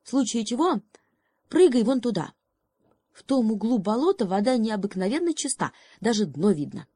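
A woman's voice: fairly high pitch, big pitch swings, normal speed, warm tone, slightly rough, no echo, voice pushed up. A woman voicing a small, eager male froglet who leads his friends in a storybook.

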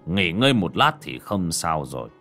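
An old Taoist master in a fantasy audiobook, acted by a male narrator. He speaks very slowly and low, with composed gravity. Every phrase is measured and weighty, over faint background music. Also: sing-song, a bit bright, exaggerated voice. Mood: grave, calm. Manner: slow, measured, sighing, weighty. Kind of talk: audiobook character acting.

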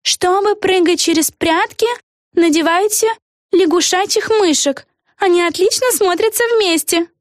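An excitable little witch girl with a sky-high squeak of a voice. She blurts out each thought wide-eyed, in the dry, close sound of an audiobook. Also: unhurried, dry recording. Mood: reading aloud. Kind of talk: audiobook character voice.

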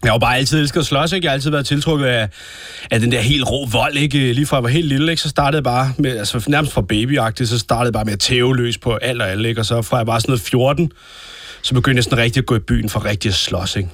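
A man's voice: medium pitch, a bit bright, dry recording, studio quality, lightly acted. A man playing a crude, violent thug in denial, blustering and tagging his lines with "right?". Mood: boastful. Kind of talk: comedy sketch acting.

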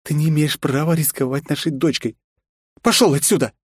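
A man reading an audiobook, voicing a cold, volatile woman who hunts people, raised high above his own voice. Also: moderate pace, a little mellow, dry recording, clean studio sound, lightly acted. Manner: cold then shrieking, abusive. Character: fierce adult woman hunter, volatile wife.

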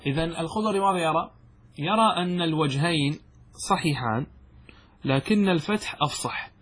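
A man's voice: fairly high pitch, brisk, a bit bright, slightly rough. A man teaching Arabic grammar in a classroom lecture, explaining step by step and posing questions to his students that he then answers himself.

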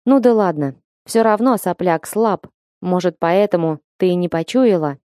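Gruff scornful strongman, read by a woman, dark mellow tone, dry sound. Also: lowish voice, moderate pace, no room sound, lightly acted. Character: blue-eyed muscular man, harsh and menacing.

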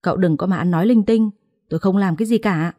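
A woman's voice: fast, mellow, no echo, clean studio sound, natural voice. A woman voicing an older head wife in a family drama story, wailing and defensive. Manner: wailing, shrill when crying.

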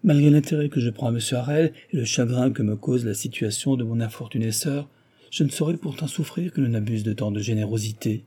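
A man voicing a sorrowful, anxious gentleman who speaks mournfully. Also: mid-range voice, brisk, husky, natural voice. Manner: mournful, worried.

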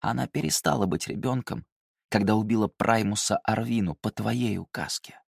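A stern, terse rebel leader, read by a man with a deep, dry storybook voice. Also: normal speed, vocal fry, slightly rough, no echo.

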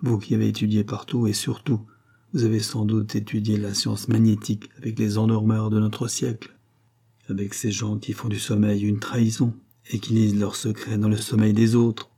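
A man's voice: fairly low pitch, monotone, moderate pace, warm tone, breathy edge. A man voicing a haughty, scornful queen with a biting, contemptuous delivery. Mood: venomous.

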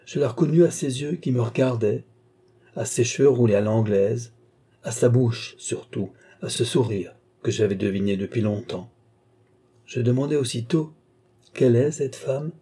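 A man narrating a classic story as an audiobook, in a measured literary reading that voices the dialogue lightly. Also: medium pitch, dark tone, breathy edge.

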